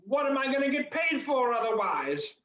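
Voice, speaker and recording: A man's voice: extremely high pitch, big pitch swings, moderate pace, pushed and bright, roomy sound, dull audio, full character voice. A man voicing a greedy, hesitant train conductor who stammers and hedges. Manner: stammering, hedging.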